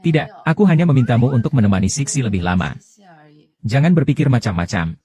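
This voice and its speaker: An actress dubbing a guarded young mother, speaking in a quiet, musing way. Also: a bass voice, expressive, quick pace. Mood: firm. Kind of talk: dubbed drama acting.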